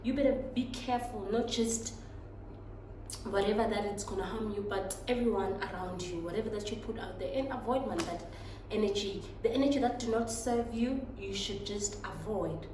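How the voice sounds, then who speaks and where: A woman's voice: mid-range voice, normal speed, echoey room, far from the mic, background noise. A young South African woman giving an emphatic, preachy motivational talk and switching between English and Zulu phrases. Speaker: motivational vlogger.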